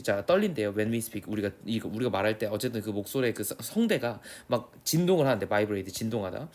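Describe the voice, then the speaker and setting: Man, Korean accent, English teacher, exam prep lecture, casual explaining, mid pitch. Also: a little mellow. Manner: reads English lines slowly, then explains in quick casual speech with many tag questions.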